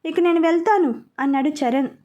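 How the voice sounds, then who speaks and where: A woman narrating a heartfelt story with steady, expressive reading. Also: very high voice, brisk, lo-fi sound.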